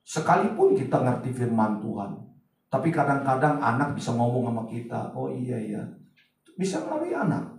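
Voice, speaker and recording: Pastor preaching in an echoey hall. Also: male voice, mid-range voice, very animated, brisk, far from the mic. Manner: chatty, swings from loud to hushed asides. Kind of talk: sermon. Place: large church hall.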